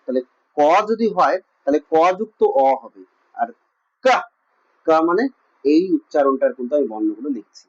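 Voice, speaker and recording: Husky Bengali teacher asking and answering. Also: male voice, mid-range voice, big pitch swings, normal speed, pauses often, a little mellow. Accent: Bengali (West Bengal). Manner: asks questions and answers them himself, repeating. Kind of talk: classroom lesson. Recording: muffled lo-fi recording.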